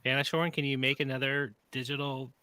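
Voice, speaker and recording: A man co-hosting a casual livestream chat, easygoing and quick to agree. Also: medium pitch, level tone, bright, forceful tone, clear, resonant tone, no room sound. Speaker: livestream co-host.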